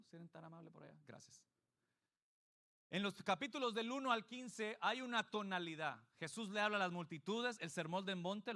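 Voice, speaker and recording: A man's voice: high voice, bright, forceful tone. A man preaching a sermon as pastor, emphatic and putting direct questions to the congregation. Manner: emphatic, varied delivery.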